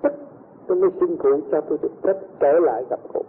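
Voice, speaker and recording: A man's voice: a little high, quick pace. A man recounting a personal anecdote to a gathering, rambling along and acting out the voices of the people in his story. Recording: tinny lo-fi recording with faint noise.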